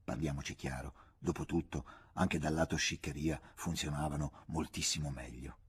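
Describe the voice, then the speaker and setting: A man reading a literary novel aloud as an audiobook, with measured, expressive narration. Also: extremely low pitch, slightly rough. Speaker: audiobook reader.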